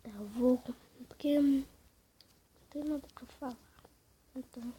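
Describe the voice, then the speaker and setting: A woman's voice: sits high, measured pace, husky. A woman with a Brazilian accent whispering casual gameplay commentary at home at night while her family sleeps. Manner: whispering throughout, hushed and casual. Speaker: gaming channel host.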